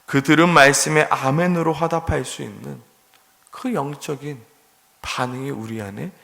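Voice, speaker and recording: A man preaching a sermon, earnest, moving from loud pleading to hushed near-whispers. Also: on the high side, moderate pace, vocal fry. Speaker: pastor. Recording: long hall reverb.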